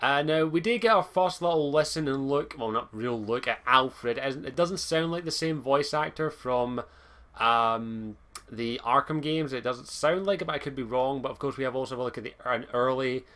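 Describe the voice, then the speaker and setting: A man's voice: medium pitch, moderate pace, a bit bright. A young man giving a chatty, rambling commentary on a game trailer from his computer at home, swearing casually as he talks. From Scotland. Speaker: gaming video host.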